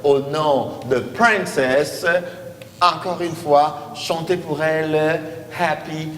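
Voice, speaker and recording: A man from Congo leading a lesson with children, coaxing them and repeating prompts loudly. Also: fairly high pitch, steady tone, takes it slowly, a little hiss or hum. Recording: echoey hall from far off.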